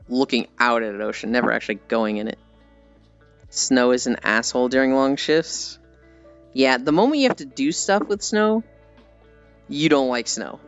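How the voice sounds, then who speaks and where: A medium-pitched, fairly bright and clean voice belongs to an American man chatting with his livestream viewers. He's casual and rambling, self-deprecating, with swearing thrown in. Background music sits behind slightly dull audio.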